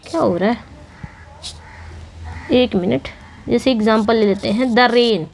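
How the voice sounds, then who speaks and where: A young woman with a high voice teaches an English exam-prep lesson. She explains in with English terms mixed in, reads the English questions slowly, and asks and answers her own questions. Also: creaky, slight background noise.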